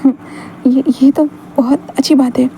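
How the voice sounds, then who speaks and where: A woman's voice: sits high, steady tone, normal speed, dark tone, a little hiss or hum, low-quality recording. A woman voicing a flustered, shy young man in love, who stammers and hesitates as she reads a story aloud in Hindi.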